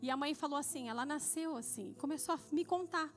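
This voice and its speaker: A woman with a Brazilian Portuguese accent giving a sermon testimony in a church service, telling her story in an animated way and acting out the dialogue. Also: sits high, a little fast, soft background music. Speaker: church speaker.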